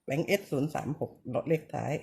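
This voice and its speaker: Here the banknote-cleaning vlogger, who calls herself auntie, talks briskly through her casual demonstration at home. She stays polite, repeatedly using short pointing phrases that end softly.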